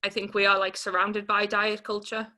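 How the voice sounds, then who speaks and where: A woman from Newcastle upon Tyne gives a candid personal account as an interviewee, speaking informally and hesitantly with lots of "like." Her mid-range voice stays fairly flat in pitch, moving at a moderate pace with a pushed, bright quality.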